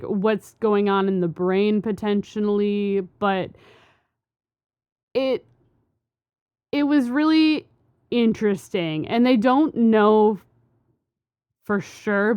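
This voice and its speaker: Woman, podcast co-host, unhurried, smooth voice, rambling fillers, dull dry recording. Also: medium pitch, no echo. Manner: rambling with frequent fillers and restarts. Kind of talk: casual science chat.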